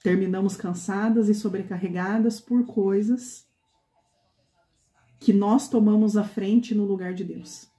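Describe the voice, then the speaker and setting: A woman's voice: medium pitch, fairly even intonation, unhurried, mellow, echoey room. A woman pastor preaching a conversational sermon to a women's meeting, often asking the women questions.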